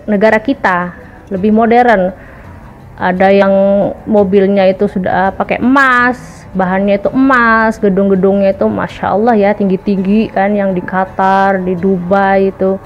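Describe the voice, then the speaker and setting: A woman's voice: mid-range voice, darkish tone. A woman vlogger talking casually to her viewers, explaining points one by one in a chatty way. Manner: chatty, addresses viewers as guys, lists points. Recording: muffled audio with faint background music.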